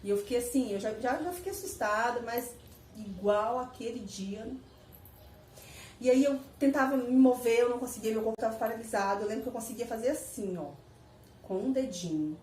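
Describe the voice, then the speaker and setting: A woman casually telling her viewers a personal story, animated and repetitive, laughing as she goes. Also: on the high side, fairly quick, a little hiss or hum. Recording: echoey room, mic at a distance.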